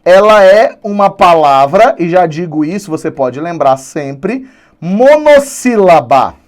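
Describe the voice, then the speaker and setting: Animated Brazilian male teacher. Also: high-pitched. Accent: Brazilian Portuguese. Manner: animated, stretches key words slowly for emphasis. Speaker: Portuguese teacher. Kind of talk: online grammar lesson.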